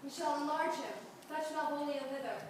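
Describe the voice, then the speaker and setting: A woman's voice: high-pitched, moderate pace, noisy background, close to an everyday voice. A woman playing a poised noble countess. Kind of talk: amateur stage acting. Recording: echoey hall from far off.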